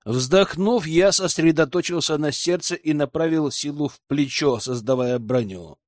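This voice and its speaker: A man narrating a fantasy audiobook in the first person, expressive and wry. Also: fairly high pitch, normal speed, dry recording, studio quality.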